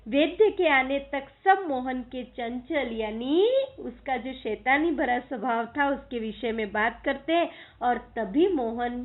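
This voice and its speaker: A woman's voice: high voice, unhurried, few pauses. A woman teacher retelling a school play for her students, explaining hard words as she goes. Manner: storytelling with glosses of words. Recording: tinny phone-like recording.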